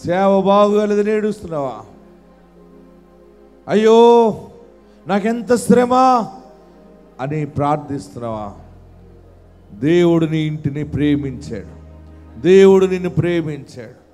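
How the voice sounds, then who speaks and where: A man with a high, light voice preaching a fervent live sermon. He repeats his phrases and swells from quiet pleading to shouted proclamations. His delivery is of a pastor leading a congregation in prayer. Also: lively intonation, moderate pace, faint music behind. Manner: repetitive, rising to shouted declarations.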